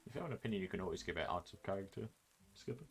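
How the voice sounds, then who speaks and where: Deep-voiced man running a tabletop game. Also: lively intonation, rapid-fire, soft background music. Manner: casual, explains characters' motives. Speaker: game master.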